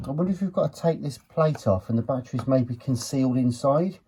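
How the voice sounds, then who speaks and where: A British man hosts a hands-on video tearing down retro electronics, chatting casually and thinking aloud while he examines a gadget. His voice is medium in pitch and mellow, he talks fast, and there's a slight hiss or hum in the recording.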